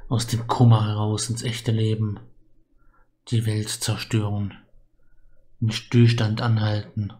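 A man's voice: lowish voice, completely flat delivery, slow pace, long pauses, warm tone, a little hiss or hum. A man giving casual gameplay commentary, musing aloud and repeating stock exclamations. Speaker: let's play host.

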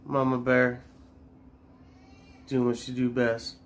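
A man's voice: medium pitch, flat delivery, takes it slowly, slight background noise. A young man chatting casually on a family vlog from a living room couch, with laid-back teasing banter. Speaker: family vlogger.

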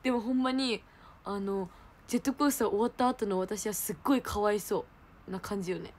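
A young woman, hosting a livestream and telling a story in animated casual chat. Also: medium pitch, a little fast. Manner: animated storytelling, laughing, exclaiming. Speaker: idol livestream host.

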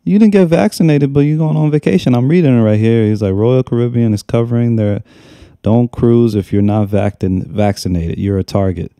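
A man's voice: mid-range voice, steady tone, brisk, warm tone, dry recording. A young man hosting a reaction video, talking in a casual, mocking and exasperated way and repeating himself as he scolds, recorded at a desk microphone in a small room at home. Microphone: desk microphone on a stand.

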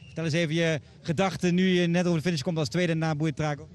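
A man's voice: on the high side, fairly even intonation, fast. A man asking questions as a sports reporter in a post-race interview. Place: outdoors at a race finish. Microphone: handheld broadcast microphone.

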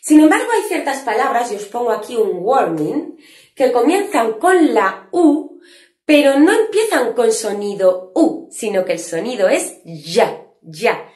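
A woman's voice: a little high, expressive, measured pace, a little mellow, reverberant. A woman teaching an English grammar lesson online, explaining patiently and stretching out her example words.

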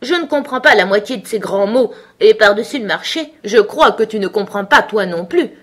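A woman's voice: medium pitch, expressive, normal speed, lightly acted. Woman doing a blunt mocking eaglet.

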